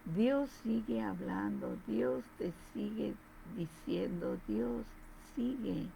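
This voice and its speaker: Woman, earnest devotional testimony. Deep gravelly fry, lively swinging intonation. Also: slow, a little hiss or hum, rough recording. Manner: earnest, repetitive, addresses listener directly.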